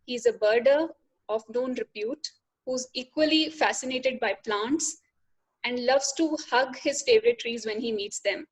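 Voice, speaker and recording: A woman's voice: on the high side, low-quality recording. A woman introduces a webinar guest. She speaks in the prepared, orderly style of an event host.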